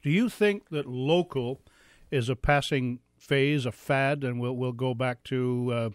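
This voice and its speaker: A man who grew up in Europe hosts a radio morning show, joking and asking quick questions. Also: mid-range voice, smooth, no echo. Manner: jokey, brisk interviewer. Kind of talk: casual radio hosting. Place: radio studio.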